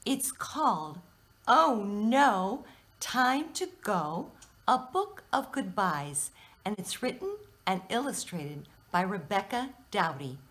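A female teacher reading a children's picture book aloud, playful and expressive. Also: mid-range voice, slow pace. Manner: sing-song, playful, expressive read-aloud. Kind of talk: storybook read-aloud for children.

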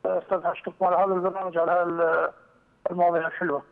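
A man's voice: sits high, little pitch movement, creaky. A man from Iraq with an Iraqi accent, calling in over a headset phone line to argue his point earnestly. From Iraq, Kirkuk. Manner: earnest, argumentative, fast. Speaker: caller. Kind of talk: call-in political comment. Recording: thin phone line, distant, reverberant.

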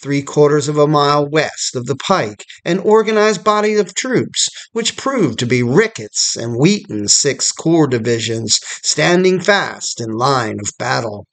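A man with a somewhat higher-than-usual voice reads a scripted history documentary. He narrates in a measured, storytelling manner, with the even pacing of a prepared script.

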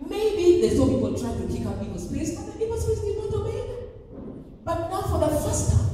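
Woman preacher, high voice, booming church echo, faint hum behind, recorded from a distance. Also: dark tone. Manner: emphatic preaching, acts out quoted voices with big pitch jumps. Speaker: pastor. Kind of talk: sermon. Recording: echoey hall from far off.

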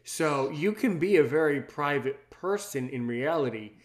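With a fairly high pitch, lively intonation and a measured pace, this Maryland man hosts a podcast. His casual interview chat is rambling and teasing, full of repeated words.

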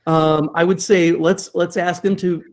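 A man's voice: a little high, measured pace. Fifty-something guy on a webcam from his study, punchy rhetorical questions, talks with his hands. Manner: animated, gestures with hands, emphatic rhetorical questions. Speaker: guest church historian. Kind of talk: conversational interview over video call. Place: home study with bookshelves. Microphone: video call webcam.

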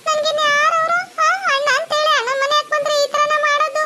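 A woman's voice: very high voice, steady tone, fast talker, bright, forceful tone, a little hiss or hum. A woman voicing a sly, bossy young sister-in-law who schemes and threatens, with a North Karnataka Kannada accent.

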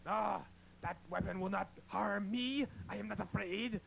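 A young man plays a fearless alien warlord from a cheesy sci-fi B-movie. His high voice creaks as he makes slow, pompous declarations. It comes through on a noisy amateur videotape. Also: fairly bright tone, heavily acted. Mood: defiant. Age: young adult. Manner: grandiose, stilted declarations. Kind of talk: hammy 1950s sci-fi B-movie parody acting.

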